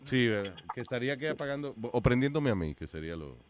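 A man's voice: mid-range voice, sing-song, fast, a little hiss or hum. A man hosting a radio show, bantering playfully with callers and co-hosts and dropping English phrases into his talk. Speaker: radio host.

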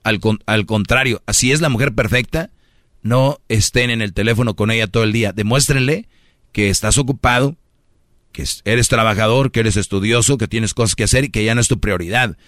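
A man's voice: fairly low pitch, brisk, a bit bright, no room sound, studio quality. A man hosting a casual radio show, teasing his co-host and giving dating advice at length. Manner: talkative, teasing, acts out voices of young women.

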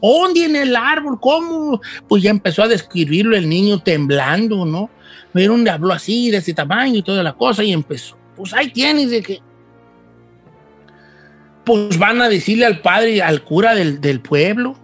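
A man's voice: high voice, expressive, normal speed, slightly rough, soft background music. A man narrating a spooky folk tale in a loose, conversational way, dropping asides to the listener. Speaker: storyteller.

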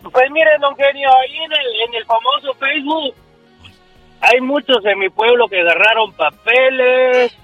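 An excited man calls in to a radio show, rushing through his mocking remarks. His voice is very high for a man. The dull phone line has faint music behind it. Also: dry recording. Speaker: caller.

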